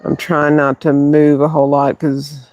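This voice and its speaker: A man quietly talking through a live stream from his backyard, speaking softly and haltingly on purpose. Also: on the high side, monotone, no room sound, highs cut off. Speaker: livestream host. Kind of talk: hushed live-stream chat. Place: backyard, outdoors. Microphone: phone mic.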